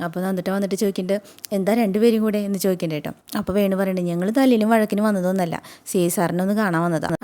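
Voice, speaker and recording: A woman hosting a recap channel, retelling a TV serial episode in a rapid, chatty way and often adding little tag words. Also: medium pitch, mellow.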